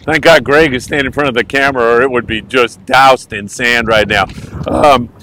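A man's voice: medium pitch, fairly even intonation, moderate pace, bright, forceful tone. An American man with an upbeat, folksy, exclamatory manner, giving a casual fishing report to camera as host from a windy beach outdoors. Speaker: host of a fishing news vlog.

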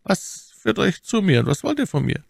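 A man voicing a vengeful noblewoman in an audiobook, speaking in a shrill, venomous falsetto. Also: very animated, normal speed, vocal fry, breathy edge, no room sound, clean studio sound, full character voice. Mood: defiant. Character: icy vengeful noblewoman, adult, furious. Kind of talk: audiobook character voice.

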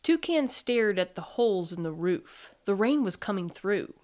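A woman reads a storybook aloud in a gentle, even way, savoring the playful sound words. Her voice sits at a middle pitch. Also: normal speed. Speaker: podcast reader.

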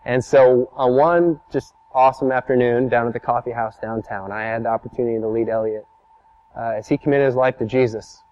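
A man's voice: medium pitch, fairly even intonation, a little fast, darkish tone, no room sound, dull audio. A man preaching a sermon as a pastor, telling stories in a conversational, emphatic way.

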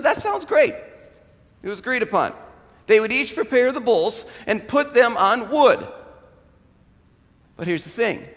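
A pastor gives a sermon in a very high voice, swinging his pitch around as he tells the story. He acts out the characters' lines as he goes. His voice rings with a long reverb, like a large hall. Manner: animated retelling with voiced quotes.

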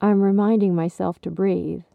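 A woman voicing a nervous young man in love who quietly reassures himself in a storybook reading. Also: mid-range voice, fairly even intonation, moderate pace, creaky, dry recording, close to an everyday voice. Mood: shaky. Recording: slightly dull recording.

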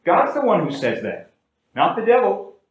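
A man preaching a sermon as pastor, with big swings in pitch and volume and slow, drawn-out words for emphasis. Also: huge pitch swings, heavy reverb, dull audio. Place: church sanctuary.

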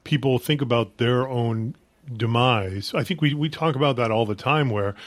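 A man's voice: mid-range voice, normal speed, no room sound. Jokey, rambling male podcast host. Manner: jokey, rambling, with frequent restarts. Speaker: podcast host and home care business owner. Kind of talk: casual podcast chat.

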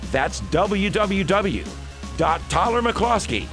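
An American man delivers a scripted radio promo as an announcer. His pitch moves in a lively, animated way, and light music plays behind him. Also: slow pace.

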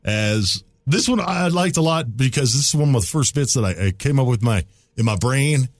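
A man hosting a radio show, chatting casually and reminiscing in a rambling way. His voice is mid-pitched and the studio sound is dry and close. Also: animated, normal speed, no room sound. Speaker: radio host. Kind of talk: casual chat.

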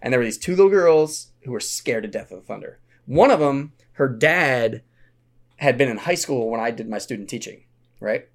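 Gravelly podcast guy rambling thru a summer camp story, voice swoops up and down a lot. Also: mid-range voice, moderate pace. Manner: rambling, animated storyteller with restarts. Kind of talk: casual anecdotal storytelling.

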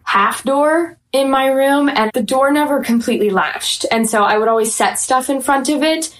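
A woman's voice: sits high, moderate pace, poor audio. A young adult woman in casual conversation, retelling her own experience with quoted asides. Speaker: podcast guest. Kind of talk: casual personal storytelling.

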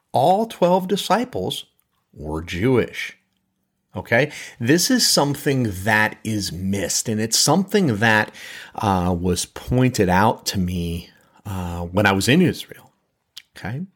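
Low-voiced man teaching a Bible lesson. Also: very animated, takes it slowly. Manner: conversational, repeats words and checks in with "okay?".

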